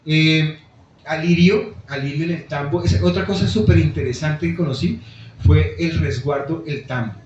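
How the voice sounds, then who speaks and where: Speaking at normal speed, a man with a fairly high, darkish voice gives a public talk about his book in a bookstore, addressing the audience directly. The event room recording is very echoey and dull lo-fi, with a little hiss or hum.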